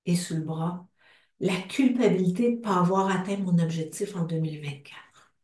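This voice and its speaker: A woman with a Québécois French accent leading a guided group tapping session, speaking slow, calm phrases for others to repeat. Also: lowish voice. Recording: roomy sound from a distant mic.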